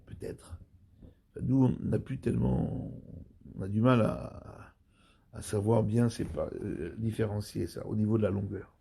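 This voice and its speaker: A man, a rabbi giving a Torah study lesson, explaining slowly and repeating and rephrasing terms. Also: on the low side, fairly even intonation, vocal fry, mellow, slight background noise.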